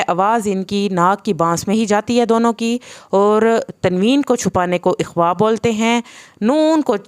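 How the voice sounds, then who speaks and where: Patient woman teaching Quran recitation. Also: mid-range voice. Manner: slow, patient spelling out of letter sounds. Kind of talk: online tajweed lesson.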